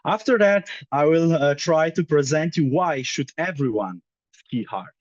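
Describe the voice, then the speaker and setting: A man's voice: a little high, expressive, unhurried, dry recording, dull audio. A young man from Slovenia giving a conference presentation as head of a ski demo team, hesitant with many fillers. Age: young adult.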